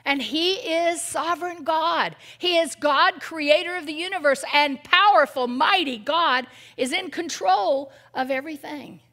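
As guest speaker at a women's event, an older woman delivers an animated, funny sermon, swinging between loud exclamations and hushed near-whispers and often questioning the audience. Her voice is high-pitched, a little slow, with few pauses.

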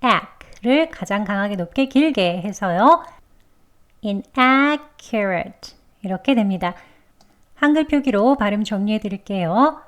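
A woman teaching English pronunciation, who explains calmly and precisely, step by step, and models each word very slowly. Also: mid-range voice. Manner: models words very slowly and deliberately. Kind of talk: scripted pronunciation lesson.

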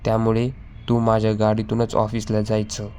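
Brief: hot-tempered brother, read by a low-voiced man, monotone. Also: normal speed, clear, resonant tone, natural voice. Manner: flat, read-out delivery.

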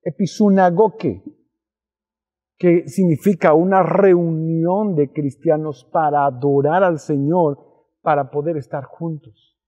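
A man's voice: a little high, fairly even intonation, slow pace, dark tone. A man with a Peruvian accent preaching a youth sermon as pastor, emphatic and repeating his key phrases. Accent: Peruvian Spanish. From Peru. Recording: dull muffled sound with long reverb.

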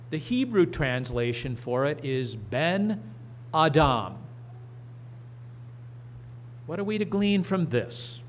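A middle-aged man preaching and reading scripture from a church lectern, slow and deliberate with emphatic rises. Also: on the high side, a little hiss or hum. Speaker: pastor. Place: church sanctuary. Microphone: lectern microphone.

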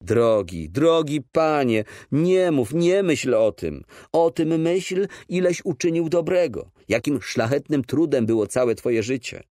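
Brief: pleading, devoted dad read by a male narrator, expressive and dry. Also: on the high side, a little slow, few pauses, dry recording, pitched above the performer's own voice. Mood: earnest comforting. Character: warm, devoted middle-aged father. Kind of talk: audiobook character voice.

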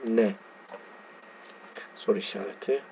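A man teaching a lesson, reading a text aloud slowly and spelling out its letters and words as he explains them. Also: a little mellow. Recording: dull lo-fi sound with faint background noise.

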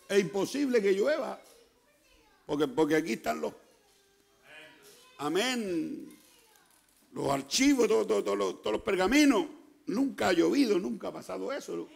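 A Chilean man preaching a sermon as pastor, emphatic, often repeating words and punctuating them with "amén", building up to shouts. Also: high voice, creaky.

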